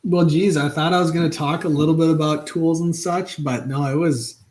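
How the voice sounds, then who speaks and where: A man's voice: fairly high pitch, fairly even intonation, moderate pace, darkish tone. A man in his thirties hosting a live stream from his home workshop, chatting loosely with many fillers and restarts. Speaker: channel host. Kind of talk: casual live-stream chat.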